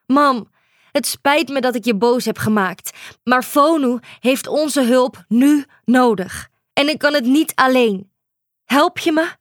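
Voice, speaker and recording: A woman's voice: sits high, takes it slowly, dry recording, clean studio sound. A woman voicing a brave, caring young island girl who pleads and urges in a storybook reading. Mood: pleading. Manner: urgent, pleading.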